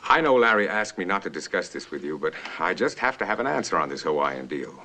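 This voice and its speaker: A polite pushy client, lowish sharp voice. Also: male voice, big pitch swings, quick pace, exaggerated voice. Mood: insistent. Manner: polite but insistent. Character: businesslike male client on the phone, pushy. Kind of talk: 1960s film acting. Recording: old film soundtrack, faint hiss.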